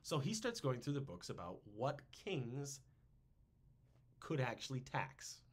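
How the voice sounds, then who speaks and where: Guy hosting a history chat, goofy, pitch jumping all over. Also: unhurried, breathy edge. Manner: animated, jokey, puts on silly voices. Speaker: podcast host.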